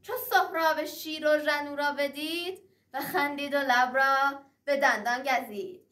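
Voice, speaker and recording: Using the declamatory style of a teahouse storyteller, a woman recites a traditional epic, shifting between dramatic verse and narration. Her voice sits high, steady and a bit bright, picked up by a distant mic.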